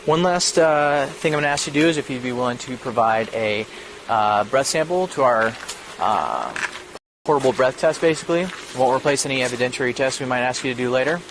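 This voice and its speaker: Fast-talking police officer, man, noisy body cam audio. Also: medium pitch, animated. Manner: matter-of-fact, explanatory. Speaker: police officer making a drunk-driving arrest. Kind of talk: procedural spoken instructions at a roadside stop. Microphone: body-worn camera microphone. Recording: body cam audio, clear background noise. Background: vehicle and ambient noise.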